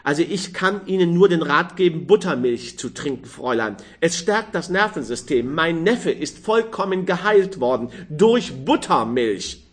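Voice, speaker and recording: A man's voice: a little high, lively intonation, normal speed, few pauses, pitched above the performer's own voice, natural voice. Man putting on a gossipy chatty aunt. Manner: rambling, busybody advice-giving. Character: chatty middle-aged aunt, gossipy and fussy.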